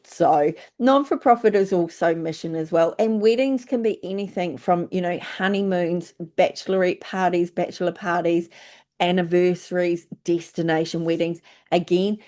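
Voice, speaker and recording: A woman's voice: on the low side, darkish tone. An older woman with a New Zealand accent giving a chatty, informal presentation as a travel agent recruiter, with plenty of fillers.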